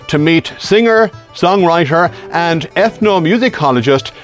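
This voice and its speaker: A man hosting a local TV show, reading a formal introduction in a measured way and then asking interview questions. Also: a little high, expressive, faint music behind. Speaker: TV show host.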